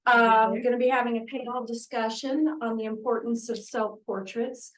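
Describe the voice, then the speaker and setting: Woman organizer, fairly high voice, informal announcements, picked up from across a room. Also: steady tone, moderate pace. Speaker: meeting organizer. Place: meeting room. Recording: distant room mic.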